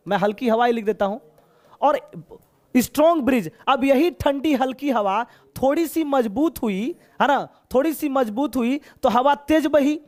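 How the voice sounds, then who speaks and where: A man from Bihar teaching English in a live online class, speaking Hindi with a Bihari accent, chatty and joking as he coaxes his students. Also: very high voice. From Bihar, India.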